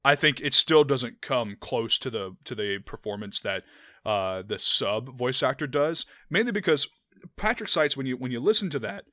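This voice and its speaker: Bright-voiced young man chatting about anime. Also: medium pitch, animated, moderate pace, no echo, clean studio sound. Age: young adult. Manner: rambling, many restarts and "like" fillers. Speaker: podcast co-host. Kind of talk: casual anime chat.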